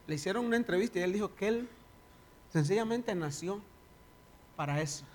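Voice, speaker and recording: A man's voice: high-pitched, animated, fairly quick. A man preaching a sermon in church, reading scripture dramatically and then leading a prayer. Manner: dramatic reading, voice rising and falling. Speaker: pastor.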